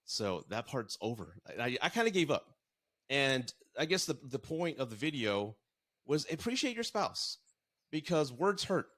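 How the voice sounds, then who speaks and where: Man, middle-aged, divorce coach, earnest storyteller, casual chat, average pitch. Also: big pitch swings, unhurried, a bit bright. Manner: earnest, storytelling with acted-out quotes. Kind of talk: casual podcast conversation.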